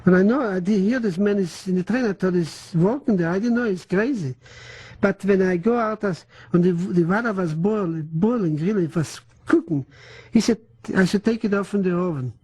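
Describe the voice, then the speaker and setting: An older man who is not a native English speaker gives oral history testimony in a halting way, full of restarts and German words. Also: high-pitched, a little mellow, breathy edge, rough recording. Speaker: interviewee.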